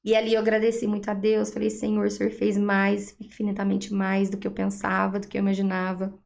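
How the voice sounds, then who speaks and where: A woman with a Brazilian Portuguese accent, a guest giving a personal faith testimony, telling her story in a lively way and acting out the dialogue she quotes. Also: mid-range voice, brisk, vocal fry. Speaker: interview guest.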